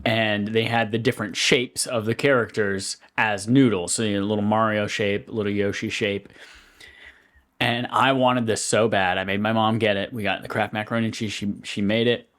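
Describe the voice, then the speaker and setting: A man's voice: lowish voice, steady tone, moderate pace, a bit bright. A man co-hosting a podcast in casual conversation, telling stories and swearing freely. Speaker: podcast co-host. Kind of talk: casual chat.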